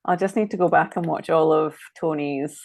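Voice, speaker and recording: A woman's voice: low voice, steady tone, normal speed, vocal fry, darkish tone, no echo. A woman with a Scottish accent, a designer chatting casually and thinking aloud as she works through a live-stream demo. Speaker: designer guest.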